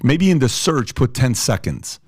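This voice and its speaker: A man's voice: mid-range voice, sing-song, a little slow, a little mellow, husky, dry recording, studio quality. A man from Iran hosting a podcast, talking in an emphatic, repetitive way with many fillers. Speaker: podcast host. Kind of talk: opinionated podcast chat.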